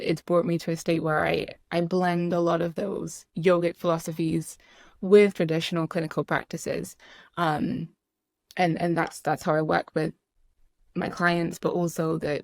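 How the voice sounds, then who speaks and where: A woman's voice: lowish voice, dry recording, studio quality. A middle-aged woman from the UK islands, a guest talking reflectively in a casual podcast chat, with many ums and restarts. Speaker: guest, clinical social worker.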